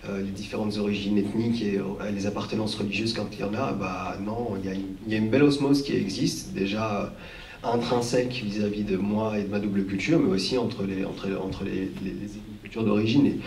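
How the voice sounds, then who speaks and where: Low-voiced man, distant in a roomy hall. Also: fairly even intonation, a little fast, darkish tone, a little hiss or hum. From France. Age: 30s. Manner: reflective, many fillers and restarts. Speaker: panel guest, record collector and documentary maker. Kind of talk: live panel discussion. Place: hall with an audience.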